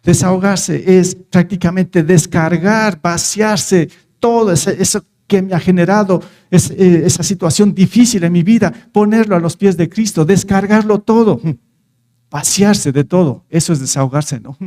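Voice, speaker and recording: A man's voice: high-pitched, normal speed, a little mellow. A man preaching a sermon in a conversational way, reading scripture and putting rhetorical questions to his listeners. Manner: reads scripture aloud and retells it.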